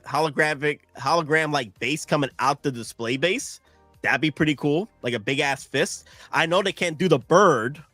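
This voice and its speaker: Tired and rambling, a man from the United States in his thirties chats on a live stream in a Southern accent, breaking off to restart and address viewers. His voice sits a little high and comes across pushed and bright, with no room sound.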